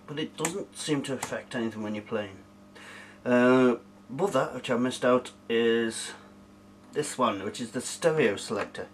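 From a cluttered little room, a British retro tech reviewer chats casually at his desk while doing a hands-on review and tutorial. His voice is medium in pitch, with slight background noise.

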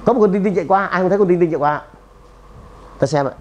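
A man giving a lively seminar talk to an audience, emphatic and punchy, often firing questions at the room. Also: sits high, very fast, highs cut off. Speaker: seminar speaker and trainer.

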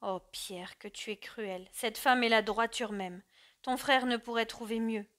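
Distressed middle-aged mother, soft trembling voice, hesitant, voiced by a woman narrator. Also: on the high side, fairly even intonation, normal speed, lightly acted.

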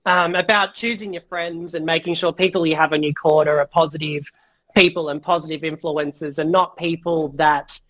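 A guest entrepreneur on a business interview talks frankly and casually, using many fillers and the odd swear word as his voice grows a little hoarse. His fairly high, slightly bright voice stays steady at a normal speed. The recording quality is low.

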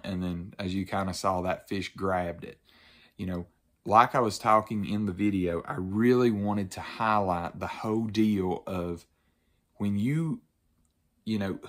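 A young man talking casually to camera as a fishing channel host, relaxed and conversational with frequent fillers, recorded in a living room. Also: deep voice. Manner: relaxed, conversational, frequent ums and you-knows. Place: living room with couch, indoors.

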